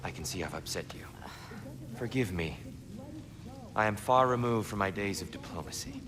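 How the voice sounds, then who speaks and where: An actor playing a humble, world-weary pacifist god in a video game, earnest and soft-spoken. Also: male voice, fairly low pitch, expressive, moderate pace, a crowd in the background, lightly acted. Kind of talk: video game character acting.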